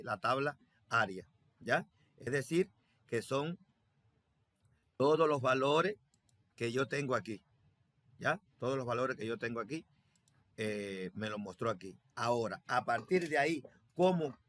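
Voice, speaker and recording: A man's voice: mid-range voice, a bit bright, dry recording. A man teaching a programming tutorial step by step over his screen, repeating himself and thinking aloud with many fillers. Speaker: software instructor.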